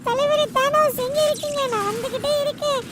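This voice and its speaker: A voice actor uses a very high, fairly quick voice to play a small cartoon boy whose body has been taken over by an evil power. He boasts, threatens, and shouts at others, and sounds distant beneath loud game noise.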